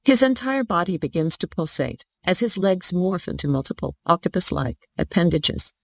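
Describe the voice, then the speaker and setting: A synthetic text-to-speech voice narrates a story in an even, steady reading style. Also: medium pitch, normal speed, gravelly, no room sound, rough recording.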